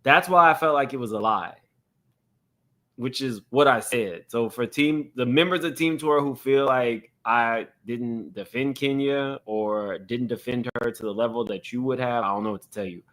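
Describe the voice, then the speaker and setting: A man's voice: mid-range voice, normal speed, fairly bright tone. A man hosting casual reaction commentary in a blunt, unapologetic, conversational way. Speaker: host of a commentary channel.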